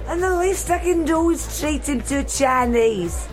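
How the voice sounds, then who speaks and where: Brash middle-aged woman, high voice, slow, lively pitch. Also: faint music behind. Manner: brash, swinging loud to quiet. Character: brash middle-aged female ex-reality star. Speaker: solo stage performer. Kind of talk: comic theatrical monologue.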